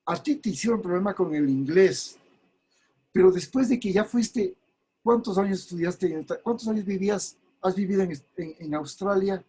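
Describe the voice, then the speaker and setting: A man's voice: sits high, dark tone, slightly rough, low-quality recording. A man from Ecuador hosting a video call interview, asking questions in an incredulous way. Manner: incredulous, asks rapid questions with repeats. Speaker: host.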